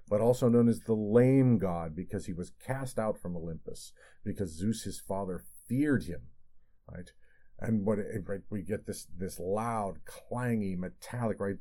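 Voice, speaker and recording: Deep, mellow-voiced male lecturer. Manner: conversational, frequent "right?" checks, reads poems aloud. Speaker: literature teacher.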